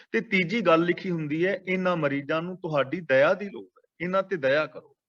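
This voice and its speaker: A man's voice: a little high, highs cut off. A Sikh preacher giving an earnest Gurbani discourse, stressing and repeating his points.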